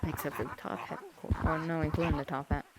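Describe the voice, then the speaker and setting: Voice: mid-range voice, flat delivery, fast talker. A young VR gaming creator giving a casual, rambling tour of a game, full of fillers and restarts, talking through a headset mic while sitting on the floor at home. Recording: loud background noise.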